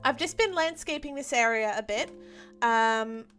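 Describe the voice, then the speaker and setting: Soft music plays behind this young woman from Australia, whose fairly high, somewhat bright voice moves at an unhurried pace. Chatting loosely during a game stream, she says um a lot, restarts often, and laughs readily.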